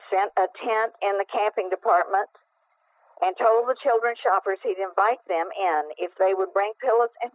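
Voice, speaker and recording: A woman radio host reading a comic letter aloud, in a deadpan, list-like way. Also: mid-range voice, no room sound. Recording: tinny phone-like dry radio audio.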